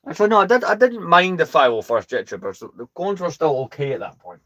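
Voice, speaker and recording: A man from the UK with a British accent, hosting a casual livestream in a calm, soothing voice and a rambling, chatty, self-deprecating manner. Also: fairly high pitch, fast. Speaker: host.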